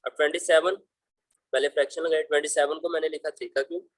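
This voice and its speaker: A man's voice: on the high side, steady tone, fast talker, no room sound, low-quality recording. Patient male math teacher, close and dry. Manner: patient, addresses students fondly as beta. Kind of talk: explaining math problems over slides.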